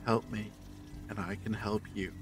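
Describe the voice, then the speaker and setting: A man playing a confident, sly, eccentric time traveller in an audio drama, speaking theatrically and deliberately with old-fashioned turns of phrase. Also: on the low side, steady tone, over music, close to an everyday voice. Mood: persuasive.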